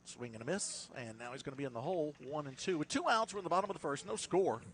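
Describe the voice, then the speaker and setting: A man doing play-by-play for a high school baseball game, chatty and rising sharply in energy on big plays. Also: expressive, fast. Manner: chatty, laughs with his partner. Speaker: play-by-play announcer. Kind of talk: baseball commentary.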